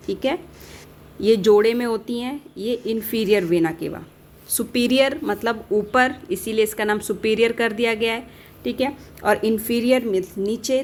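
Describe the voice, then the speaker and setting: A woman from India teaching a casual lecture, talking quickly and checking in with her students after almost every point. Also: mid-range voice, a little hiss or hum. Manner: talks fast, with a rhythm that speeds up as she teaches; keeps asking and answering her own questions, peppered with "theek hai" checks. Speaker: pharmacy tutor.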